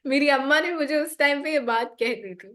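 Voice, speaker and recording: A woman with a fairly high voice leads a parenting advice session. She explains calmly and lays out practical steps one by one. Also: a little fast. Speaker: parenting teacher.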